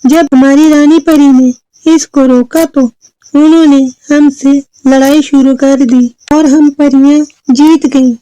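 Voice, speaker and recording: Woman doing a kind fairy for a kids' tale, mellow, dry. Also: sits high, fairly even intonation, slow pace, no room sound, voice pushed up, rough recording. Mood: explaining. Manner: soothing, explanatory. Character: kind female fairy, wise storyteller.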